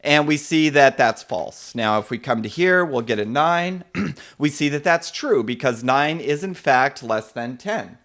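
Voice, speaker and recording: A man runs a relaxed live-coding lesson from his desk. He talks loosely, with lots of "uh" and "um", and stops now and then to greet people in the chat. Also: mid-range voice, unhurried. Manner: casual, many fillers, reads chat names aloud. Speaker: programming instructor.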